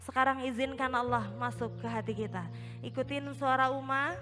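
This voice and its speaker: A woman leading an emotional guided prayer as a religious teacher, pleading and swelling loud, then dropping to a hushed, slow coaxing. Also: sits high, fairly even intonation, over music.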